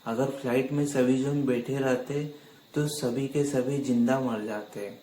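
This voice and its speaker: A man's voice: mid-range voice, steady tone, a little slow, mellow, a little hiss or hum. A man telling a mysterious ghost story in a casual, chatty way, often speaking to his listeners as friends. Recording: echoey room with faint music.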